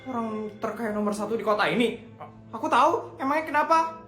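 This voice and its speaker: A woman's voice: a little high, animated, a little fast, a bit bright. A woman playing a young daughter from a poor family who is confused and stammers, in a comedic skit. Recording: echoey room with music behind.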